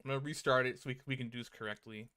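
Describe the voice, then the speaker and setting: A man gives casual livestream commentary on a visual novel, chatting informally, swearing now and then, and reading on-screen text aloud over game music. His smooth mid-range voice has fairly even intonation and races along, pushed and bright.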